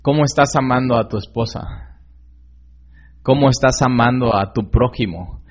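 Earnest and conversational, a man preaches a sermon at a moderate pace in a medium-pitched voice, often putting direct questions to the listener. His delivery is full of fillers and tag questions. The lo-fi recording sounds slightly dull.

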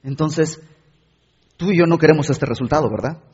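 A man preaching a sermon, his husky, fairly high voice often turning to ask the listener direct questions. The recording is dull and lo-fi, with a long hall reverb behind him. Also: normal speed, a little mellow.

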